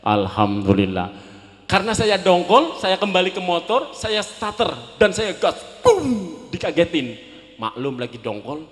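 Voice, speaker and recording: Joking male preacher, high, reverberant hall. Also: big pitch swings, moderate pace, fairly bright tone. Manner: comic, teasing asides to the audience. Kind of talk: humorous sermon storytelling.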